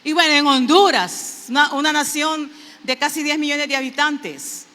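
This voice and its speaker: A woman from Mexico preaching a sermon, emphatic, repeating phrases for stress and swinging between soft and loud. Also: sits high, normal speed. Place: church sanctuary. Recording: long hall reverb from a church.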